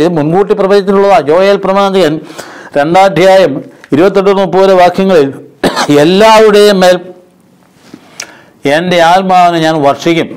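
An older man preaches as a priest in an earnest sermon, his voice smooth and resonant and pitched a little high. He retells scripture stories, speaking the characters' lines himself. He is recorded indoors on a lapel mic. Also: a little mellow. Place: studio set with red curtains, indoors.

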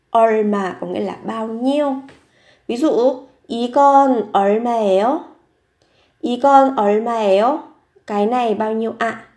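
Her medium-pitched voice is creaky with a darkish tone. This Korean teacher patiently repeats vocabulary words and poses questions to herself while explaining example sentences, recorded in a space with roomy echo.

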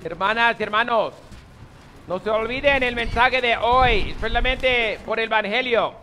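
Middle-aged man as a priest at Mass: very high register, sharp bright tone, sermon and blessing delivery. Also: moderate pace, a little hiss or hum. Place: small open-sided chapel in daylight.

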